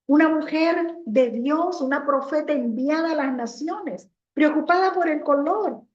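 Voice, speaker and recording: Female preacher, storytelling sermon, high voice, dull echoey hall sound. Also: unhurried. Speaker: pastor.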